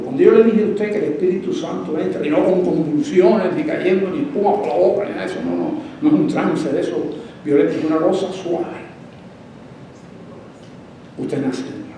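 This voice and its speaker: A man's voice: fairly high pitch, warm tone, a little hiss or hum. A male pastor preaching an evangelistic sermon, asking the congregation questions and repeating words for emphasis. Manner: asks the congregation rhetorical questions. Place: church sanctuary. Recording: very echoey church from far off.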